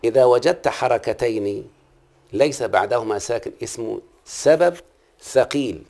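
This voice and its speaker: A man's voice: mid-range voice, moderate pace, vocal fry, darkish tone. A middle-aged man with an Egyptian Arabic accent, teaching a class and patiently quizzing the students, repeating key terms. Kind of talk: classroom lesson on Arabic prosody.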